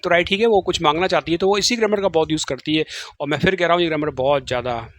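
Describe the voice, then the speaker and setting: A man teaching an English grammar lesson, who keeps asking the class to repeat each term and slows down for example sentences. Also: fairly high pitch, a bit bright, dry recording. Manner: quizzing, repeats each term with "what will you say?"; slow and careful on example sentences.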